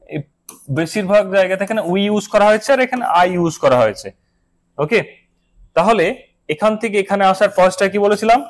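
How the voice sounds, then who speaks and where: Man, slightly high voice, classroom lecture, step-by-step explaining. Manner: explains step by step, checking with "did it match?". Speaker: teacher.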